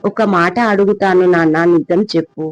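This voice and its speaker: A man's voice: high-pitched, fairly even intonation, moderate pace, dry recording, close to an everyday voice. A storyteller voicing a middle-aged father who sadly and earnestly questions his son, on a dull, dry recording.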